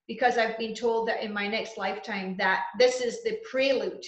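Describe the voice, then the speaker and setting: A woman talking as an interview guest, telling spiritual experiences in an earnest, unhurried, conversational way. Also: on the high side, fairly even intonation. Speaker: interview guest, trance channeler and healer. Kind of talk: conversational first-person spiritual storytelling. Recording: muffled, roomy, echoing audio.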